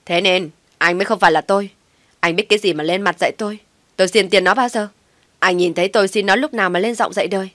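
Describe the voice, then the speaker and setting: Storybook role: indebted rude young man, woman reader, shouts back insolently, dry close sound. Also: medium pitch, fast, dry recording, close to an everyday voice. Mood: defiant shouting.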